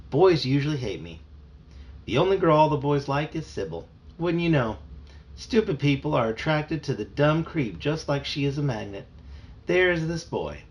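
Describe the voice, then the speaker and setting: A man reading a children's novel aloud with an expressive delivery. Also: mid-range voice. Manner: animated, expressive. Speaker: storybook reader.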